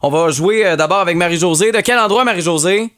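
A man's voice: sits high, fast talker, a bit bright, no echo, clean studio sound. A young man with a Quebec French accent hosting a live radio game show, easygoing and self-mocking as he reads questions and phone numbers. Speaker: radio host.

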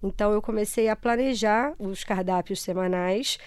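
A woman's voice: medium pitch, normal speed, a little mellow, clear, resonant tone, dry recording, clean studio sound. A Brazilian woman with a carioca accent from Rio, answering conversationally as an interview guest in a reflective, explanatory way. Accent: Brazilian, Rio de Janeiro (carioca). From Ceará, Brazil.

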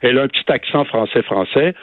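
A man's voice: mid-range voice, lively intonation, fast, no echo. A man with a Québécois French accent, a guest on a radio phone-in, talking in an emphatic, lecturing way. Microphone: telephone. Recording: dry phone line.

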